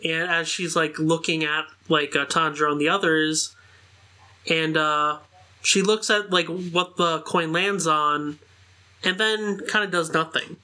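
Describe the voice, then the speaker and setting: A man's voice: a little high, fairly even intonation, a little slow, pushed and bright. A man on a podcast panel casually recapping an anime episode, full of "like" and "uh" fillers. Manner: loose, filler-heavy recap with lots of "like" and "uh".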